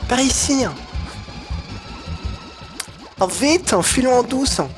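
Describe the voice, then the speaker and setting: A man's voice: animated, slow, over music, full character voice. Man doing Goombella, a strained, perky girl creature. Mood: cheerful. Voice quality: strained put-on high voice. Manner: perky, instructive, tags sentences with a filler. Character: chatty, helpful young female Goomba student. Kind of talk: playful video game read-aloud dubbing.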